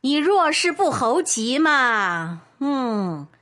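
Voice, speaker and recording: A proud, teasing middle-aged mother in a radio play, speaking coyly in a slightly high voice. She takes her time with each line. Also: very animated, very slow, a bit bright, full character voice. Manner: coy, teasing, evasive. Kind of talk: radio drama acting.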